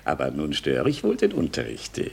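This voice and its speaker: Elderly father, jovial, teasing, husky, very lively pitch, radio play. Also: normal speed, heavily acted. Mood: gallant. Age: older. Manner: teasing, playful, gallant. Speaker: visiting father. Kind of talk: classic radio play acting.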